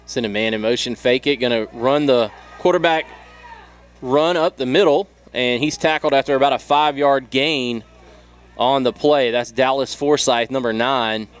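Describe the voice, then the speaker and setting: Man, southern us accent, high school football announcer, steady measured delivery, medium pitch. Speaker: play-by-play announcer.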